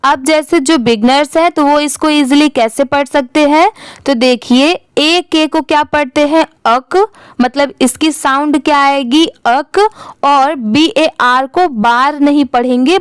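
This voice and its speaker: A woman teaching English reading, spelling each word letter by letter, then saying it slowly and asking and answering her own questions. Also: sits high, no room sound. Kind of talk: step-by-step spelling and pronunciation lesson.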